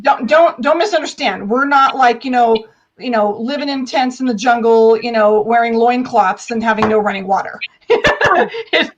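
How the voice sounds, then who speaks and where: A high-leaning, animated voice belongs to an American woman telling personal stories at a moderate pace as a live interview guest, emphatic and irreverent, often acting out what people said. The audio is lo-fi with slight background noise.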